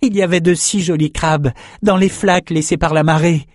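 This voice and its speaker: A man's voice: on the high side, steady tone, moderate pace, dry recording, clean studio sound, pitched above the performer's own voice, natural voice. Man doing a pleading young swordsman. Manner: pleading, earnest. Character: anguished young male swordsman, gentle, pleading.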